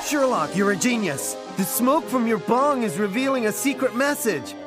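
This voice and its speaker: A man voicing an admiring, excitable detective's sidekick in a cartoon parody, exclamatory and overwrought. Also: very high voice, normal speed, over loud music. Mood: excited alarm. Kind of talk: animated parody acting.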